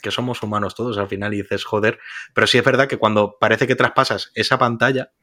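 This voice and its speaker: A man with a Spain Spanish accent, a podcast guest, talking in a reflective, halting way with frequent restarts. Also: lowish voice, steady tone, bright, forceful tone. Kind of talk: casual chat.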